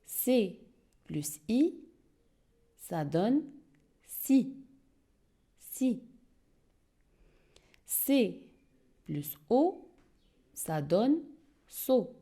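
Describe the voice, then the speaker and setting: A woman teacher leads a beginner reading lesson at a very slow, deliberate pace. Her mellow voice rises and falls in a lively, sing-song way as she repeats each word for the class. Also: a little high. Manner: slow, clear, repeats words for pupils to echo. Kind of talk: early-reading lesson for young learners.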